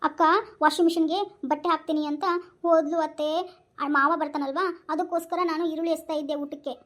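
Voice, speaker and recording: A woman's voice: high-pitched, level tone, voice pushed down, close to an everyday voice. A young woman playing a whimpering young daughter-in-law with a hurt hand. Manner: whimpering, rushed explanations.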